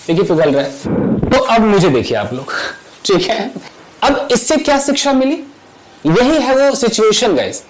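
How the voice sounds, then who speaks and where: High-voiced man teaching English grammar. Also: rough recording. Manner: chatty, addresses viewers as guys, checks understanding often. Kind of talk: Hindi-English grammar lesson with live demonstrations. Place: home kitchen.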